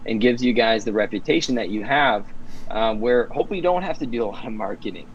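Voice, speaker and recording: A man's voice: on the low side, animated, fast, dull audio, slight background noise. A man chatting casually on a podcast about marketing, talking in long rambling sentences with many restarts and fillers. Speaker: podcast guest from a marketing firm. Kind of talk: casual conversational podcast chat.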